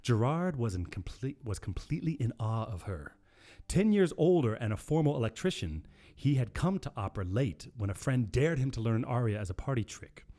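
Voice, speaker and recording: A podcast co-host talks in an animated, slightly fast voice of medium pitch and dark tone. He chats casually, swears a lot, jokes around, and stumbles over words while sight-reading a story.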